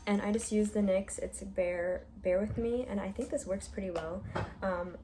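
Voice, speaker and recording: A woman's voice: mid-range voice, fairly even intonation, normal speed. Chatty young woman vlogging, music under. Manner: chatty, filler-heavy, says "like" often. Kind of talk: casual vlog chat.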